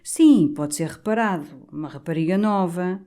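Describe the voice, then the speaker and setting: A man's voice: high-pitched, normal speed, dark tone, lightly acted. A woman voicing a servile, envious male assistant priest, speaking timidly and deferentially.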